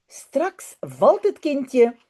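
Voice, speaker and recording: A woman's voice: high-pitched, wildly swooping pitch, extremely slow, a little mellow, full character voice. A woman voicing a slightly anxious little girl in a read-aloud storybook. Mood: timid. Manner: hesitant, a bit anxious. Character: timid little girl Janneke.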